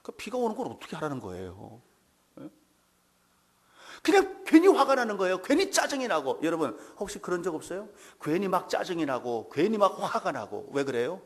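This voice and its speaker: Animated high-pitched male pastor preaching. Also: a little fast. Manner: dramatic storytelling preacher, swings from hushed to shouting. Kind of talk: sermon. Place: church sanctuary.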